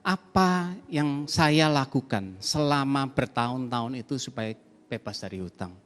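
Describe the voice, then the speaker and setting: A man's voice: medium pitch, animated, a little slow, faint music behind. A man preaching a sermon to his congregation, speaking animatedly and addressing the listeners directly. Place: large church hall. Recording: long church reverb.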